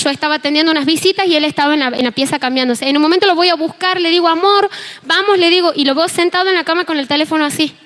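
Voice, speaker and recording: Argentine woman preaching, high voice, tells her story all animated and acts out the back and forth. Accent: Argentine Spanish. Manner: animated storytelling, acting out dialogue. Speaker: preacher and worship team member. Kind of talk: sermon with personal testimony.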